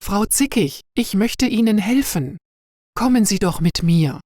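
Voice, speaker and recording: A woman voicing a kind, caring young woman in a read-aloud story for learners, gentle and calm. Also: medium pitch, measured pace, no room sound, clean studio sound.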